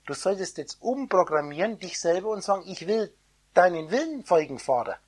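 A woman giving an esoteric sermon, preaching in the first person as God, her loudness swinging between soft and loud. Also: on the low side, sing-song, a little fast, husky. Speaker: spiritual teacher.

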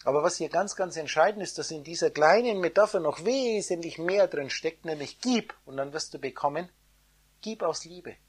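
Husky woman preaching like she's god, goes quiet then loud, lowish voice. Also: moderate pace. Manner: preaching in the first person as God, loudness swinging from soft to loud. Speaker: spiritual teacher. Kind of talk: esoteric sermon.

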